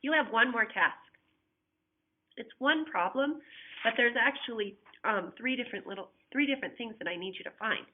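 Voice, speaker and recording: This woman's voice sits on the high side, with lively intonation and normal speed, and slight background noise alongside tinny, phone-like audio. Teaching a recorded flipped-classroom math lesson, she patiently goes through each step and asks students to check along, coughing repeatedly.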